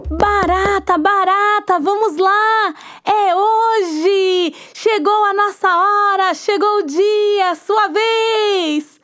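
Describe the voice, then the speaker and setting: A woman's voice: very high-pitched, extremely slow, a bit bright, voice pushed up, full character voice. A woman voicing a cheerful, hardworking female hen who eagerly calls on her friend.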